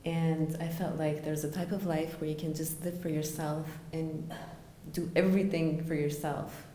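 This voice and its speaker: Earnest low-voiced woman in an echoey room. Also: flat delivery, mellow, slight background noise. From United States (Florida). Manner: earnest, halting with fillers. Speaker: interviewee. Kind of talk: conversational interview.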